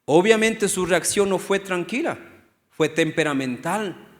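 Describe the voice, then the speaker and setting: A middle-aged male pastor preaching a lively sermon, often asking the congregation questions and acting out what people say. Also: sits high, unhurried. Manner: animated, asks the congregation questions, acts out quotes. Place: church hall. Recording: long hall reverb.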